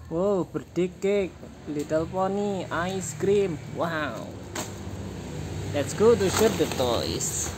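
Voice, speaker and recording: A woman narrates a toy show-and-tell vlog, calling out each item in short bursts with a constant wow. Her voice sits a bit low and moves very slowly. The phone recording carries a clear layer of background noise. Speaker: toy unboxing vlogger. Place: indoors on a tiled floor. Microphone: phone camera held over toys.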